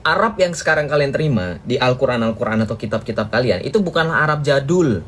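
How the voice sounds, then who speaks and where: A man's voice: medium pitch, animated, fast, fairly bright tone, a little hiss or hum. A man giving a polemical religious monologue to viewers, mocking and combative, chuckling at his own jabs and firing rhetorical questions at listeners. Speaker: religious teacher.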